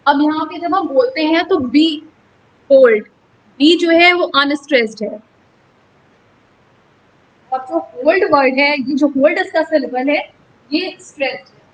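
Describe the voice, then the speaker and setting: A woman's voice: sits high, normal speed, pauses often, fairly bright tone, slight background noise, low-quality recording. A woman teaching in a classroom lecture style, explaining step by step and mixing English terms into her talk.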